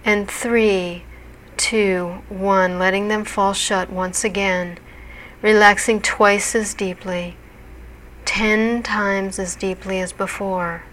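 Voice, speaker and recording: A woman narrating a guided hypnosis relaxation in a soothing, deliberate, measured manner. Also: mid-range voice, fairly even intonation, a bit bright, a little hiss or hum, low-quality recording.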